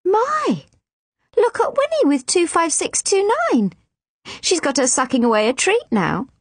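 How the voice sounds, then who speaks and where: A woman reading an audiobook voices a chatty nurse who exclaims in a lively way. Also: high-pitched, unhurried, no echo, pitched above the performer's own voice. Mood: cheery.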